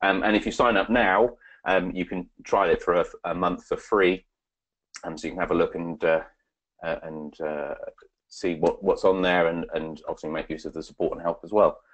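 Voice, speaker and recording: A man giving a webinar presentation and answering questions, halting with many fillers and restarts. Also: deep voice, steady tone, muffled recording.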